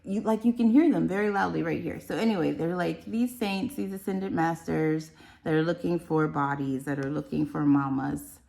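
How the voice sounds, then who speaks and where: A woman's voice: low-pitched, normal speed, gravelly, darkish tone, reverberant. A woman giving a casual, rambling spiritual card reading, chatty and enthusiastic. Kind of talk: casual tarot-style reading.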